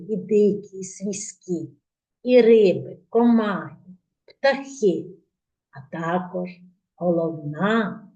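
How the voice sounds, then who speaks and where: Slow, clearly spoken kindergarten teacher woman. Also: medium pitch, dark tone. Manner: slow, clearly articulated, prompting children to repeat words. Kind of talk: speech lesson for preschool children.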